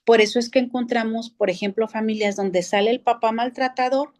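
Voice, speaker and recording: A middle-aged woman with a Mexican accent teaching a church family class in a conversational lecture, explaining patiently and often pausing on filler words. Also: a little high, fairly even intonation, a little mellow. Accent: Mexican Spanish.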